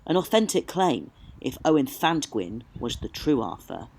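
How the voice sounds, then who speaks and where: A man with a mid-range, slightly mellow voice presents a storytelling travel vlog out in the countryside. He's very animated and keeps a moderate pace, narrating in places and talking on location in others, all with a theatrical delivery.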